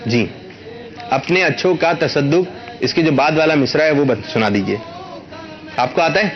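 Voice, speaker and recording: A man hosting a children's quiz in a studio, coaxing the kids patiently and stretching words out slowly when he teaches. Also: mid-range voice, expressive, muffled recording. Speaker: quiz show host for children.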